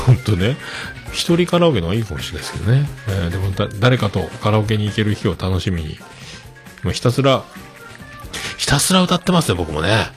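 Man, middle-aged, low voice, lively swooping intonation, casual podcast host, chatty, laughs often, faint music behind. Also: fairly quick. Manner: chatty, laughs often, swoops up into high falsetto when demonstrating singing. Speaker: podcast host reading listener messages. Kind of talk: casual solo podcast chat.

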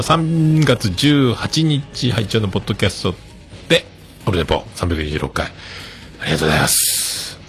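A middle-aged man hosting a casual solo podcast, reading listener messages and chatting with frequent laughs. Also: a bit bright. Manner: chatty, laughs often, swoops up into high falsetto when demonstrating singing.

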